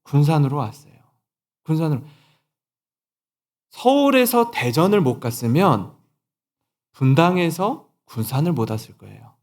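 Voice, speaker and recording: A pastor in his forties delivers a sermon in a church, telling a story from his own life and acting out the conversations in it. His voice sits a little high for a man, and his pitch swings widely as he stresses a point. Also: unhurried, long pauses. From Seoul, South Korea. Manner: storytelling with quoted dialogue, lively emphasis. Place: church sanctuary.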